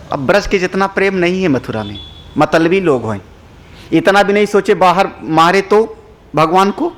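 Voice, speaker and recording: A man, a spiritual teacher, giving a religious discourse with animated storytelling. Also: high voice. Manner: animated storytelling, rising loud for dramatic moments.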